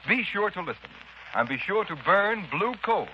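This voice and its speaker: A male radio announcer reading scripted lines in a crisp, formal manner, in a muffled 1930s radio broadcast. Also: high voice, sing-song, normal speed, a little hiss or hum.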